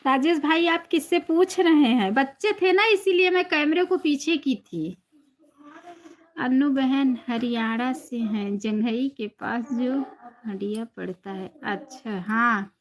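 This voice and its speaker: A woman from Uttar Pradesh with an Awadhi-flavored Hindi accent, hosting a live stream and chatting casually with viewers, greeting them by name and softly repeating blessings. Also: high-pitched, slow. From Uttar Pradesh, India. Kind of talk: casual live-stream chat reading comments.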